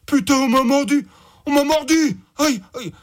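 A man voicing a slow-witted, mocking male thug henchman in an audiobook, with slangy speech. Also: high voice, lively intonation, voice pushed up. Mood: pained.

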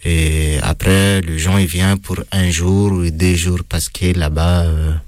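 A man speaking French with a non-native accent, giving a halting personal account as an interviewee, full of hesitations and restarts. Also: low voice, little pitch movement, a little mellow, no echo. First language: not French. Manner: hesitant, many fillers and restarts.

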